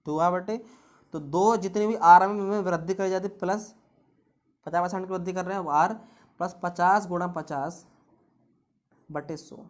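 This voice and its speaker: A woman tutoring exam-prep math, talking through each step with rhetorical questions. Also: on the low side.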